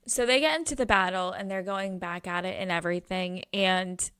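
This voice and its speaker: Young female podcast co-host, lower register, casual and profane, faint hiss. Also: steady tone, moderate pace, fairly bright tone. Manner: chatty, swears casually, acts out quotes. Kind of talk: casual book discussion.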